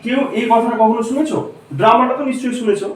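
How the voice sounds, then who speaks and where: High-voiced male teacher in an echoey classroom. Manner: explains slowly and quizzes students. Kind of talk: classroom lecture. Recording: echoey room, mic far off.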